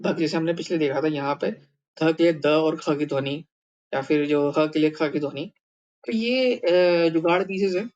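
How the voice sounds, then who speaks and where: A man's voice: fairly high pitch, measured pace, a little mellow. Male teacher from India, patient step-by-step lesson, muffled dull audio. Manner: thinking aloud with many fillers and restarts. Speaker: language teacher. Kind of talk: explaining a writing lesson.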